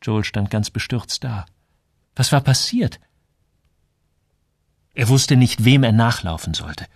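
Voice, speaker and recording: Expressive male storyteller, dry sound. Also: mid-range voice, slow, no room sound. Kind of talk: scripted narration.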